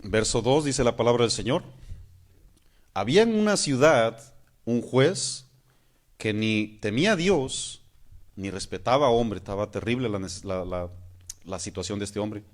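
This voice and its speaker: A man's voice: lowish voice, lively intonation, a little slow, pauses often. A man, a pastor preaching a sermon. He asks his listeners questions and keeps calling them "hermanos". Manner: acts out praying voices mid-sermon.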